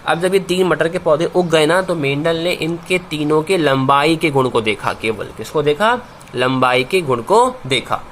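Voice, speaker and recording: A man teaching a science lesson to students, asking questions and answering them himself, repeating key words and slowing down on the answers. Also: fairly high pitch, animated, fairly bright tone, slight background noise. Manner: calls students "bhai", slows down on key answers. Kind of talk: classroom-style video lesson.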